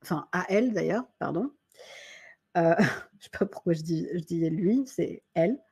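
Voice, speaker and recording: A woman teaching an English grammar lesson in French, patiently repeating key points and reading example sentences slowly in a friendly, informal way. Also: lowish voice, animated, gravelly, mellow, breathy edge. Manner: friendly and informal, addresses viewer as tu.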